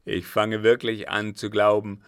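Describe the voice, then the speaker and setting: A man's voice: fairly low pitch, flat delivery, a little slow, clear, resonant tone, no echo, studio quality. A man voicing a selfish, scheming old man who mocks and bargains in a sardonic, calculating way.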